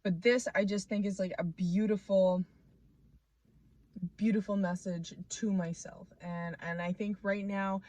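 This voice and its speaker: A woman's voice: mid-range voice, fairly even intonation, unhurried, mellow, no echo. A woman in her twenties chatting casually to the camera at home, rambling and restarting her thoughts with many fillers, playful and self-mocking. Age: 20s. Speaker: vlogger.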